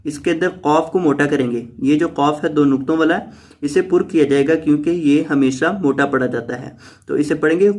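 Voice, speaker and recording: Fairly high-pitched man teaching tajweed. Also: a little mellow. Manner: patient, repeats each word slowly, then explains quickly. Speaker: Quran teacher. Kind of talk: word-by-word tajweed lesson.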